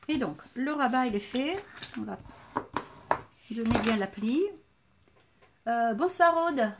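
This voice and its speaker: A woman's voice: a little high, animated, slow pace, background noise. A woman with a southern French accent hosting a live craft tutorial, chatting and greeting viewers by name as she works. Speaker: scrapbooking tutorial host.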